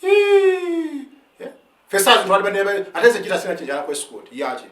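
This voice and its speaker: This impassioned account comes from an army sergeant in his fifties whose first language is Luganda, speaking in a high voice with wildly swooping pitch at normal speed and a bit of brightness. He mixes English phrases into his Luganda, restarts when he stumbles, and keeps asking "eh?". The mic sits at a distance, giving a roomy sound.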